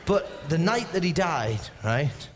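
A man from England doing rambling stand-up comedy, excitable and digressive, who often breaks into quick voices. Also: on the high side. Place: live comedy venue. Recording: long reverb and clear background noise in a venue.

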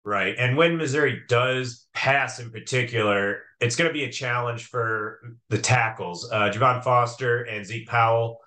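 A man co-hosting a sports podcast, chatting about football in a loose, conversational way. His voice is bright and forward, and he stops and restarts often as he thinks out loud with fillers. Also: mid-range voice, unhurried, hardly any pauses. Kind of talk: casual sports talk.

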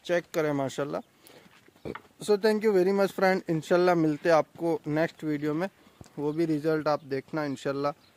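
A young man, a goat farm owner, talking casually outdoors in a boastful sales pitch for his own farm vlog. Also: fairly even intonation, normal speed, a little mellow. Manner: chatty, boastful sales talk.

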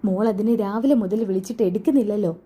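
A narrator playing a reproachful poor mother, hurt, quick and husky. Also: mid-range voice, warm tone, lightly acted.

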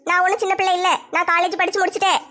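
A woman voicing a short, cheeky young woman who acts like a child, with a squeaky, pitched-up voice. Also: little pitch movement, fairly bright tone. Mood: childish. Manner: rapid, squeaky, teasing.

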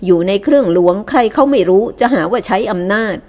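A woman voicing a bold young nobleman who commands his gang in an audiobook, blunt and loud. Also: mid-range voice, expressive, fast talker, close to an everyday voice. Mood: commanding.

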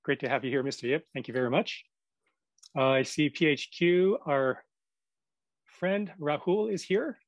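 A man's voice: fairly high pitch, a little slow, pauses often, dry recording. A man hosting a commemorative video call, casually calling on guests one by one. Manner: casual, friendly, calls on guests by name. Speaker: event host.

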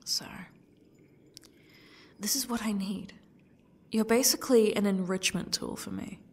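A woman playing a smug, sadistic yandere stalker in a breathy whispered role-play, talking to her captive in a taunting, condescending way. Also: mid-range voice, darkish tone. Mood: smug, menacing. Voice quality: breathy, husky, dropping into whispers. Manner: slow, taunting, condescending, faux-gracious.

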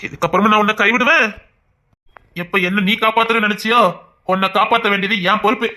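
A man dubbing a fast-talking, earnest young hero. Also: high voice, steady tone, sharp tone. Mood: resolute. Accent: Tirunelveli Tamil. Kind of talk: comic dub of a TV serial.

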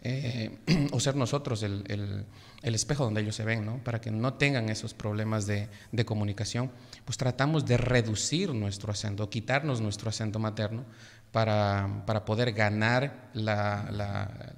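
Teacher guy on radio, kinda gravelly, slow professorial explaining, echo trailing off. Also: on the low side, steady tone. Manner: measured, professorial, many hesitations. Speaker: language teacher, guest. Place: radio studio. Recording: gravelly voice with long reverb.

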